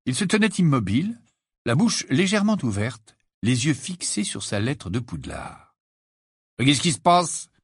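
A man narrating an audiobook with animated, dramatic storytelling, on a close studio mic. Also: mid-range voice, moderate pace, husky, dry recording. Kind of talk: expressive audiobook reading.

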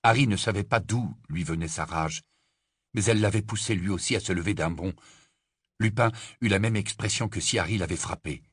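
A man narrating an audiobook with a measured, dramatic storytelling delivery. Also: sits low, slightly rough, dry recording, studio quality. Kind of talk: scripted narration.

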